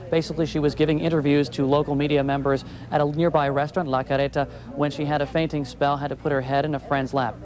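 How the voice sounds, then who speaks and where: Reporting live from a city street, a male TV field reporter speaks in a voice on the high side with a darkish tone. Crowd and street noise surround the outdoor shot.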